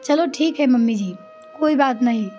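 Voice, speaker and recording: A woman's voice: sits high, normal speed, soft background music, lightly acted. A woman voicing a patient, polite young daughter-in-law in a storybook tale. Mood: gentle. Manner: polite, gentle.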